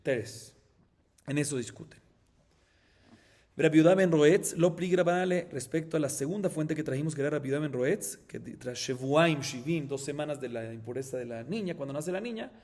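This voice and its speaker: Colombian Spanish male rabbi, higher voice, explains step by step with rhetorical questions; reverberant hall sound. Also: normal speed, darkish tone. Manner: explains step by step, asks and answers his own questions. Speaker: rabbi teaching Talmud. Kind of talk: Talmud class.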